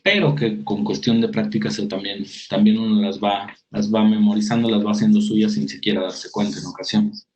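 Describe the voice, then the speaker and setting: Low-voiced man teaching spelling rules. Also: level tone, moderate pace, few pauses, darkish tone, slight background noise, low-quality recording. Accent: Mexican Spanish. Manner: reads definitions aloud, then explains with examples and small restarts. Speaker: writing workshop instructor. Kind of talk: spoken lecture over slides.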